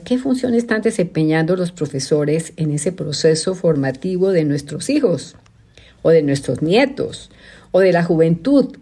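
A woman host, speaking in an earnest, measured way as she introduces a topic. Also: medium pitch, warm tone. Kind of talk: casual presenter talk.

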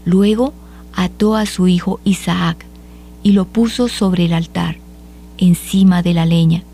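A woman reading scripture aloud at a measured, solemn pace for a liturgy. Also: on the low side, fairly even intonation, mellow, slight background noise. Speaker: liturgical reader.

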